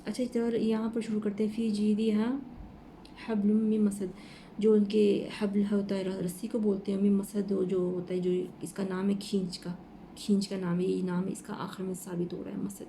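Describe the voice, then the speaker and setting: A woman giving an informal Quran lesson, walking slowly through the letters of each verse. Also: medium pitch, level tone, mellow, a little hiss or hum. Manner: slow, explaining letter by letter. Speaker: Quran teacher.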